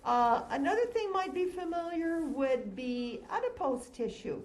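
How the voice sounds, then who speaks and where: High-voiced woman lecturing through a face mask. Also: very animated, unhurried. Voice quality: slightly muffled, talking through a face mask. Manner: conversational, quizzing listeners with questions and answering them. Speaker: lecturer teaching anatomy and histology. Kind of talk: classroom lecture. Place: lecture room, recorded as audio. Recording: roomy, echoing lecture room with background noise.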